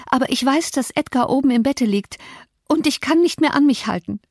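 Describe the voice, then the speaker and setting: A woman's voice: brisk, darkish tone, no room sound, studio quality. Woman voicing a breathless, bitter young woman. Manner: breathless, agitated, higher pitched.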